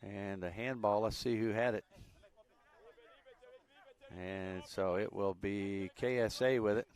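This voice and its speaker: With a lowish voice and slow pace, a man provides relaxed live commentary on a youth soccer match, chatting along and leaning on fillers often.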